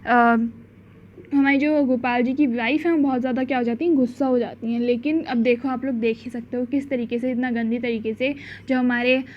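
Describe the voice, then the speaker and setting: High-voiced woman teacher explaining a story. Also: steady tone, a little hiss or hum. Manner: explains each line, acts out quotes, reads English lines very slowly. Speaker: teacher explaining a school chapter. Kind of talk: storybook lesson in Hindi and English. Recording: dull lo-fi sound.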